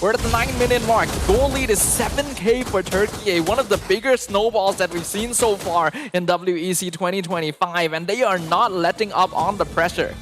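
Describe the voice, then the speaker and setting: A man giving analytical esports commentary in a measured, articulate way. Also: sits high. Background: game music.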